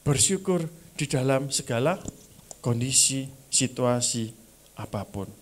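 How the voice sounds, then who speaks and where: A man's voice: medium pitch, expressive, takes it slowly. A male pastor preaching a sermon at a church service, dropping in phrases and acting out short prayers and grumbles. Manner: acts out prayers and grumbles in small voices; mixes in Javanese phrases.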